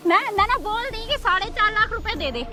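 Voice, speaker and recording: A woman playing a shrill, defiant young wife. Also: expressive, fairly quick. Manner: combative, taunting, repeating challenges. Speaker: wife in a staged couple-fight skit. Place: outdoors in a park. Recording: loud music over the voice.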